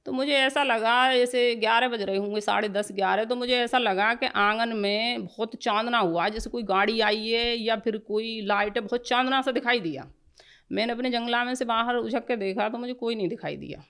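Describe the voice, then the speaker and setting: A woman's voice: fairly high pitch, normal speed, fairly bright tone, smooth. A woman giving an earnest, emotional personal testimony in plain colloquial speech.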